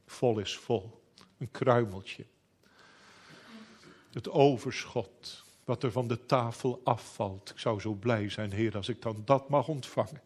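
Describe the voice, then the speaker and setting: Guy preaching real slow, solemn old-style church talk. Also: mid-range voice, darkish tone, slightly rough. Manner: slow, solemn, old-fashioned biblical phrasing. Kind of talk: sermon.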